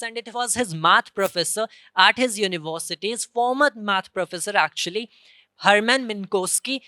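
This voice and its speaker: A woman giving an earnest science presentation on stage, explaining step by step and quickly correcting herself mid-sentence. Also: medium pitch, bright, forceful tone, dry recording. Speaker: student presenter. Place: convention centre stage.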